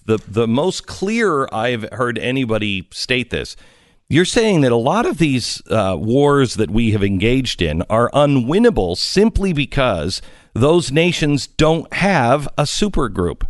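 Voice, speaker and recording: A man hosting a radio talk show, interviewing a guest in a halting way, with many fillers and repeated words. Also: medium pitch, sing-song, no echo, clean studio sound. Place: radio studio. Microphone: studio mic.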